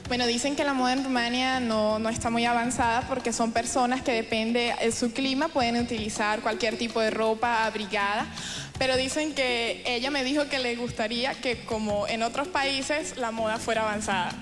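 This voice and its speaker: A woman's voice: fairly high pitch, steady tone, fast talker. A young woman with a Venezuelan accent answering as a pageant contestant on stage. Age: young adult. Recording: reverberant hall, music behind.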